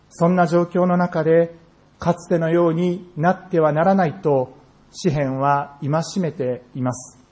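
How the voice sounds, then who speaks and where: A male pastor delivers a sermon in an earnest, measured way. His voice sits a little high for a man, and he leans into slow, emphatic phrases. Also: a little mellow. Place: church sanctuary.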